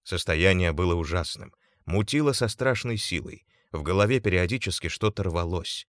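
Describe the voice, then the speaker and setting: A man reading an audiobook aloud in measured, even storytelling. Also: low voice, no echo, studio quality. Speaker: audiobook narrator. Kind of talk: scripted audiobook narration.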